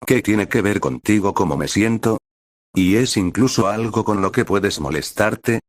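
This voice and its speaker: A man's voice: fairly low pitch, a little slow, dry recording, studio quality. A man voicing a proud, irritable tigress wife who answers coldly and curtly, in a storybook reading. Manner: cold, curt, snapping.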